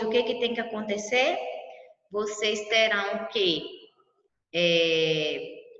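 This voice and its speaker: A woman's voice: medium pitch, a bit bright. Brazilian woman teacher, patient explainer; a dull, roomy recording with a long reverb tail. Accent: Brazilian Portuguese. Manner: explanatory, checks in with "tá?" and "né?". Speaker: Spanish teacher. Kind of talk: recorded online class lesson. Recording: distant mic, roomy dull sound.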